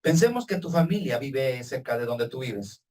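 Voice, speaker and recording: A man preaching a sermon to his congregation as their pastor, with emphatic swings in pitch and loudness, calling them brothers. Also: expressive, moderate pace, distant mic. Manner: addresses the congregation directly as brothers. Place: church hall with congregation and Zoom viewers.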